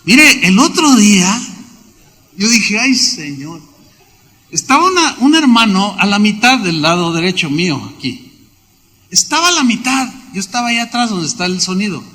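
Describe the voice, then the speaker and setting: A man with a Mexican Spanish accent preaching a sermon as pastor, telling lively stories and acting out the people in them, with sudden shouts. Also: sits high, normal speed. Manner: animated storytelling, voices quoted people, sudden shouts. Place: church sanctuary. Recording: long hall reverb.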